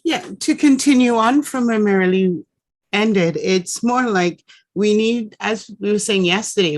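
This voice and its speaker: A woman's voice: mid-range voice, darkish tone, no echo. A woman with a Trinidadian accent speaking as a panelist, earnest and building on others' points. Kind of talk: online panel discussion.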